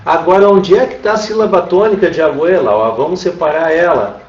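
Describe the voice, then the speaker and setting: A Brazilian man teaches a Spanish lesson online in a patient, check-in manner. His voice sits fairly high for a man. He sounds set back from the mic in an echoey room, with a dull, lo-fi tone. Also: fairly quick. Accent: Brazilian Portuguese. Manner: patient, repeats "tá?" often. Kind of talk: online class lecture. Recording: roomy, distant, dull lo-fi sound.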